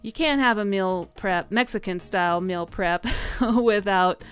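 A woman's voice: medium pitch, a little slow, smooth. Chatty woman narrating a cooking video. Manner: relaxed, chatty, with small laughs and fillers. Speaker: cooking channel host. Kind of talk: friendly voice-over cooking instructions. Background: soft guitar music.

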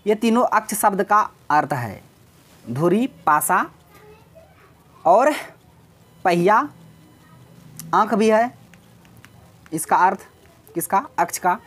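A woman teaching an exam-prep grammar lesson, explaining step by step and repeating key words. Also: lowish voice.

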